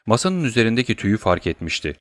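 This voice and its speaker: A man reading a novel aloud in a measured, even narration. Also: fairly low pitch, no echo, studio quality. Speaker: audiobook narrator. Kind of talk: scripted narration.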